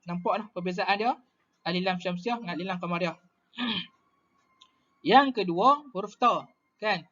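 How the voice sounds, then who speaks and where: A man's voice: sits high, a bit bright, muffled recording. Patient Malaysian male Arabic teacher. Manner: patient, repetitive, checks understanding with questions. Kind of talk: classroom lesson explanation.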